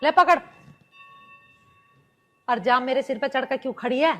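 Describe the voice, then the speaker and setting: An actress playing a sharp-tongued, bossy village mother-in-law who scolds in rural speech. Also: high-pitched, measured pace, soft background music. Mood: scolding. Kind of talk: rural comedy drama acting.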